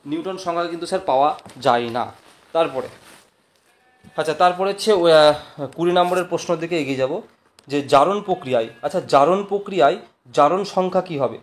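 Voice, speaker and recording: Male quiz tutor with a somewhat high voice, drilling answers over and over in a casual class. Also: brisk, pauses often. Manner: repetitive, drills points, self-correcting, addresses listeners as sir. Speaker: exam coaching teacher. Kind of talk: informal recorded lesson.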